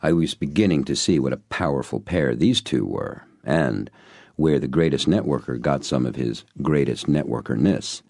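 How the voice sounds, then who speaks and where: A man reading an audiobook in a measured storytelling manner. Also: rumbling low, a little mellow, no room sound, clean studio sound. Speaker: audiobook narrator.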